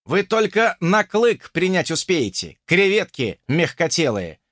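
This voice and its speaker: Figure: a man doing a cocky young hero. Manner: mocking, lively taunts. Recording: dry. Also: high-pitched, measured pace, no room sound, voice pushed up, full character voice. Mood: taunting.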